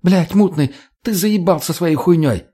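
A man reading an audiobook, voicing a furious, foul-mouthed young woman who shouts and swears. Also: fairly high pitch, fairly even intonation, moderate pace, breathy edge, voice pushed up.

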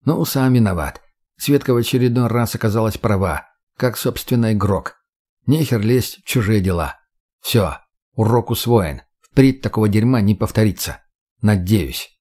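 A man reading first-person action fiction in a steady, matter-of-fact way. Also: lowish voice, moderate pace. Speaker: audiobook narrator.

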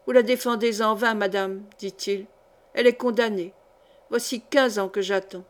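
A woman's voice: mid-range voice, steady tone, normal speed, natural voice. A woman reading the part of an embittered, vengeful middle-aged nobleman in an audiobook, grave and brooding. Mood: bitter.

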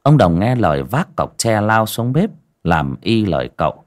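Man, audiobook narrator, low voice, lively pitch, dramatic horror storytelling. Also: normal speed.

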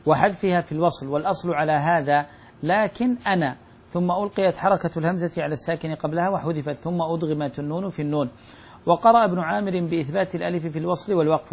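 A man reads a classical religious commentary aloud for a class. He moves through the text at a fast, steady pace and slows down when he quotes a verse. His voice sits fairly high for a man and has a husky, gravelly grain. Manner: quick steady reading, slowing to quote verses. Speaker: student reading the text aloud.

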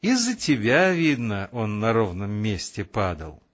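A man's voice: on the low side, sing-song, unhurried, lo-fi sound. A man voicing a younger woman who teases with a smile. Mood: smiling. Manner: teasing, smiling. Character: teasing younger woman in a storeroom.

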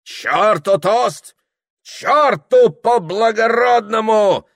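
A man voicing a loud, reckless drunken merchant host who shouts and boasts at a feast. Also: fairly low pitch, very animated, very slow, vocal fry, husky, heavily acted. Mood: rowdy drunken.

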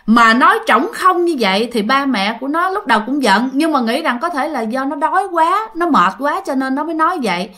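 A woman tells a ghost story in a chatty, conversational way. She keeps turning to her listeners. Her voice is high and bright. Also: lively intonation, fairly quick, hardly any pauses. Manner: chatty, addresses listeners directly.

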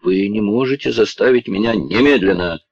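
A man reading an audiobook and voicing a hysterical, spoiled young lord with a shrill, whimpering manner. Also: normal speed, vocal fry, lo-fi sound.

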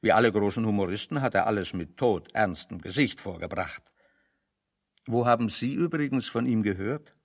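In a radio play, an actor portrays a bookish, wry refugee intellectual who holds forth on philosophy in a pedantic, dryly ironic manner. The male voice is fairly low and moves at a moderate pace through radio dialogue and a discursive monologue.

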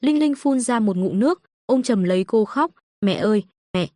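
A woman's voice: on the high side, expressive, normal speed, warm tone, dry recording, studio quality. Woman narrating an audiobook story.

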